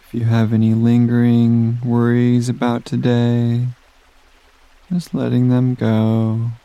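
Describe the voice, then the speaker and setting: A man guiding a sleep meditation in a soft, soothing voice with long pauses, recorded close on the mic. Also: mid-range voice, completely flat delivery, clear, resonant tone, no room sound, lo-fi sound. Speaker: meditation guide.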